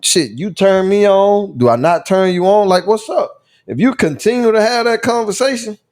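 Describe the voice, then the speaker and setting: Male podcast co-host, slightly higher voice, blunt and crude, casual banter. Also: animated, normal speed, a little mellow. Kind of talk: casual chat.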